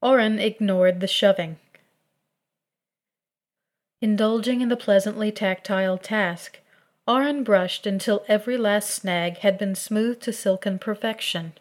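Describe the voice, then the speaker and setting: A woman narrating a fan fiction story in a steady, measured reading voice. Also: medium pitch.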